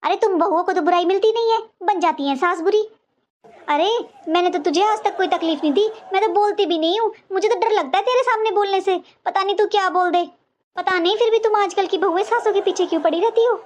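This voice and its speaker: A woman voicing a sharp-tongued older mother-in-law in a cartoon, taunting and sarcastic in every line. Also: extremely high pitch, brisk. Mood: sarcastic scolding. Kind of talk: cartoon voice acting.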